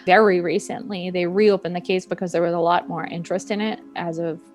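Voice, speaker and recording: A woman's voice: fairly low pitch, steady tone, a little fast. A young woman co-hosting a podcast, telling a story in a playful, chatty way with jokey asides. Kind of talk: casual storytelling chat. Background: soft background music.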